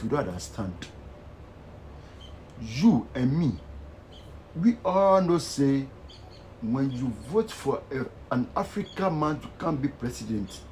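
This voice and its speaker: A man's voice: mid-range voice, a little hiss or hum, rough recording. A man speaking in Ghanaian Pidgin English, giving a fervent social media rant. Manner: fervent, animated, preachy.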